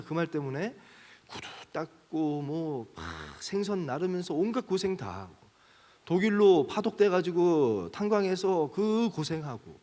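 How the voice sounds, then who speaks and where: A man's voice: on the high side, a little mellow. A man preaching a sermon, retelling a film scene and acting out its lines, then building to emphatic questions. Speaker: pastor. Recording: long reverb of a large hall.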